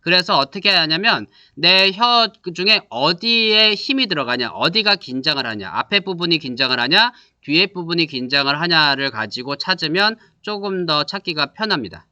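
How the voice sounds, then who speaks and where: A man teaching a class, explaining step by step, checking understanding with quick questions and demonstrating sounds aloud. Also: on the high side, expressive, sharp tone, smooth, no room sound. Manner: models vowel sounds aloud for students to repeat. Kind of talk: classroom lecture.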